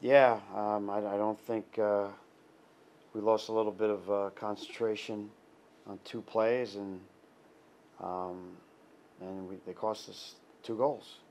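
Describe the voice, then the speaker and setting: A middle-aged man, a head soccer coach, giving a halting post-game interview full of restarts and fillers. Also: lowish voice, level tone, a little mellow. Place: indoor press backdrop. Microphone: clip-on lapel mic.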